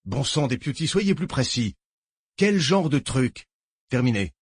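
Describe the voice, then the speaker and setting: A man's voice: mid-range voice, very animated, a little slow, breathy edge, no echo, full character voice. A man voicing a curt, commanding male federal agent giving clipped orders over the radio.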